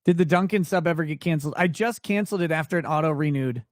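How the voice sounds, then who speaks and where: A fast talker whose voice isn't deep hosts a late-night, casual livestream, reading viewers' questions and giving crude, cursing, blunt answers. The audio is studio quality without echo.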